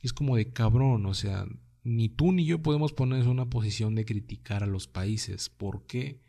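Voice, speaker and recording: A man's voice: mid-range voice, normal speed, vocal fry, warm tone. Laid-back Mexican guy on a podcast. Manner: slangy, swears freely, says "güey" constantly. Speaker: podcast host. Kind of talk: casual solo podcast monologue.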